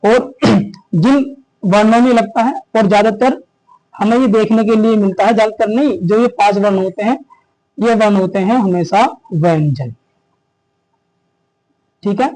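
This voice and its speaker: A man teaches an exam-prep grammar class in a high, mellow voice. He keeps asking the students a question and answering it himself. He slows down to stress each key term. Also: poor audio.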